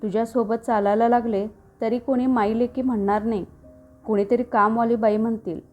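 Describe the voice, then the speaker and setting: A humble, devout mother, as a woman storyteller plays her, speaking with tender, homely modesty in a slightly high voice. Soft music drifts faintly under this storybook figure. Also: steady tone, normal speed, lightly acted. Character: humble, devout, simple middle-aged mother.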